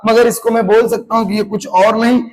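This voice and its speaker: A man's voice: sits high, little pitch movement, a little fast, long reverb tail, a little hiss or hum. A man teaching a physics class, who keeps asking the students questions to check that they follow. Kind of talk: classroom lecture.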